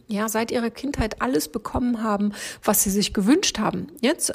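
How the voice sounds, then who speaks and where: Gravelly-voiced woman giving motivational advice. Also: mid-range voice. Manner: direct, encouraging, addresses listeners as du. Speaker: podcast host, coach. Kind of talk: motivational podcast talk.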